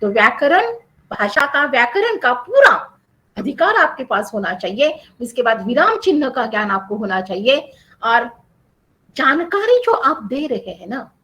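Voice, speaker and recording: A woman teacher lectures with a lively, rising and falling voice that sits a little high. She explains patiently, repeats her key points and works through examples, dropping English terms into her talk. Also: a little slow, low-quality recording.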